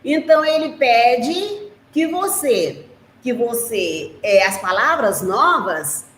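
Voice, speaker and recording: A woman with a Brazilian Portuguese accent teaching a remote class for young children, patient and explaining slowly, often checking in with short questions. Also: fairly high pitch, animated, fairly bright tone. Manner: slow, patient, explaining, with frequent "né?" and "tá?". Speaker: primary school teacher. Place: classroom at school. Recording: echoey room with faint noise.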